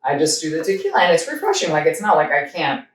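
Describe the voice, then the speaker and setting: A woman's voice: low-pitched, wildly swooping pitch, fast. A woman hosting a casual chat, telling stories and acting out what others said. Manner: chatty storyteller, acts out what others said. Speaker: host. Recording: echoey room, voice from a distance.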